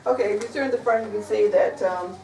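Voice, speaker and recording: A woman's voice: mid-range voice, fast, creaky. Chatty woman explaining, echoey and distant. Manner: chatty explaining with little jokes. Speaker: family history presenter. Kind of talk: informal presentation to relatives. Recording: echoey room from far off with background noise.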